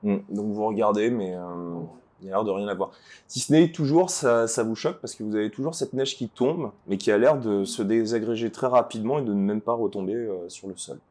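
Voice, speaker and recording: Low-voiced male game master. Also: a little fast, a little mellow. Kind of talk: narrating a tabletop role-playing game. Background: music.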